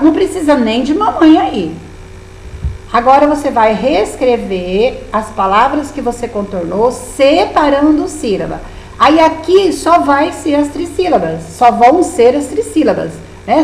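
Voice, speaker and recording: Brazilian woman teacher guiding young kids through a workbook, slightly high and patient, recorded in an echoey room with light hum. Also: darkish tone. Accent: Brazilian Portuguese. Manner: patient, encouraging, with many diminutives. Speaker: primary school teacher. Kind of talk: remote lesson walking through a workbook.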